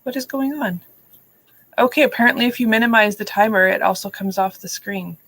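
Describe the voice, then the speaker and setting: A middle-aged woman hosts a live writing sprint stream, chatting casually, telling stories and laughing a lot. Her voice is a little high, a little fast and a bit bright, on a rough recording.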